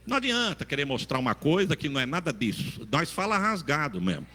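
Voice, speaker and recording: Fervent preacher. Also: male voice, on the high side, very animated, fast talker, big-room sound. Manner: fervent, folksy preaching with swings from loud to quiet. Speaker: pastor. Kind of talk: sermon.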